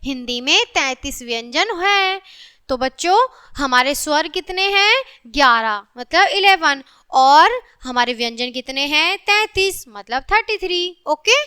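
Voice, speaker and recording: A woman teacher with a high, animated, sharp-toned voice gives a patient grammar lesson to young children, speaking a little slowly. She frequently calls on the kids and slips English numbers into her Hindi.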